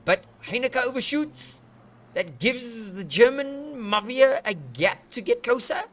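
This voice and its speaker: A man giving playful, excitable live commentary on a sim race, joking and swearing as the action unfolds. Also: extremely high pitch, a little slow. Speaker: sim racing commentator, streamer.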